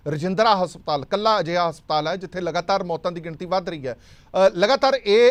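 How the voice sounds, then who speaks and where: Brisk male TV debate anchor. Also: high voice. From Punjab. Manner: brisk, presses guests, cuts in to keep time. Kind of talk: moderating a heated TV panel debate.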